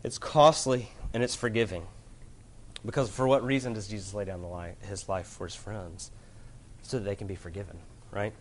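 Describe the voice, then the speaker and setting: A man preaching a sermon to a room of listeners, earnest, moving from loud emphasis to hushed gravity. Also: on the low side, fairly even intonation, normal speed, slight background noise. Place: room with an audience.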